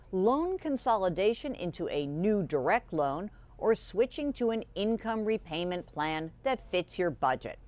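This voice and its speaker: A woman news analyst explaining personal finance in a measured report. Her pitch sits a little low but swings widely as she stresses key points. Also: a little mellow. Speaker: business analyst.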